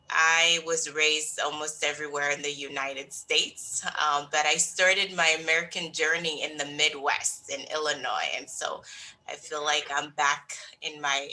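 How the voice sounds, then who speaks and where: A woman's voice: deep voice, pushed and bright, poor audio. A woman from Niger, a public health director, introducing herself on a panel, talking hesitantly with many fillers.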